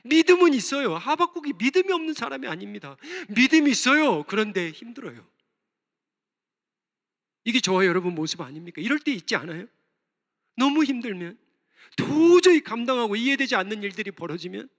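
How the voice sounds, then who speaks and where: Pastor, male, high bright voice preaching with passion in a church hall with long reverb. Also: very animated, a little fast. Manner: impassioned, voicing prayers aloud, rising and falling sharply. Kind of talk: sermon. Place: church sanctuary.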